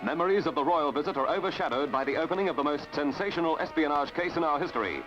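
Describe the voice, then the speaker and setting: A man giving crisp, declamatory 1950s newsreel commentary with dramatic emphasis, as an old newsreel narration. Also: a little high, fast. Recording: dull lo-fi 1950s newsreel soundtrack with music.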